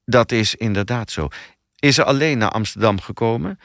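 A man's voice: mid-range voice, normal speed, a bit bright, dry recording, studio quality, lightly acted. A man voicing a frustrated, impatient male police detective who grumbles restlessly.

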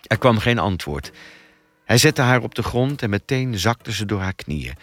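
Low, expressive male audiobook narrator. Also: measured pace. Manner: expressive storytelling.

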